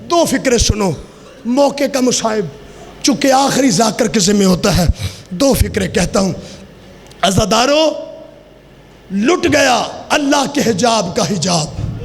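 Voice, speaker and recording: A man delivers an impassioned mourning sermon as a religious orator, his voice pitched very high with a gravelly, rough edge. He draws his words out slowly, shouting and chanting the lament. The sound rings with a long reverb from the gathering hall. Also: expressive.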